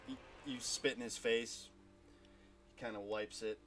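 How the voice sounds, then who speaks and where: A man narrating as game master of a tabletop game, unhurried and hesitant, with many fillers. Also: mid-range voice, steady tone, fairly bright tone, soft background music.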